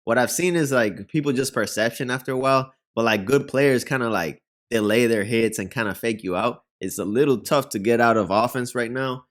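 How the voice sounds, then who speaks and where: A Puerto Rican man whose first language is Spanish, speaking with a Puerto Rican Spanish accent, hosts a reaction video with loose commentary on a fighting game. His medium-pitched voice moves fairly quickly with few pauses, and he's chatty, rambling, and heavy on fillers.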